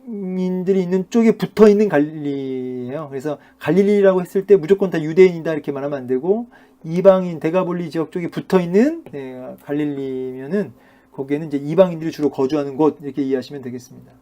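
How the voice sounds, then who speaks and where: Korean pastor teaching a Bible lecture. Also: male voice, fairly high pitch, fast talker, dark tone, highs cut off. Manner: conversational, many fillers, asks the audience rhetorical questions. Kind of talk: sermon-style Bible lecture.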